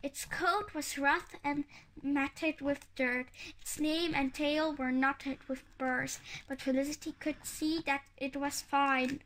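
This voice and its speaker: A woman reading a children's book aloud, halting now and then with slips and restarts. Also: sits high, fairly even intonation, a bit bright, a little hiss or hum. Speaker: reader.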